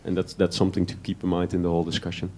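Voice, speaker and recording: Low, dark-voiced man speaking from the floor. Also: completely flat delivery, rapid-fire. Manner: frequent repetitions and restarts. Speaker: conference participant. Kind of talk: spontaneous floor remark. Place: conference room.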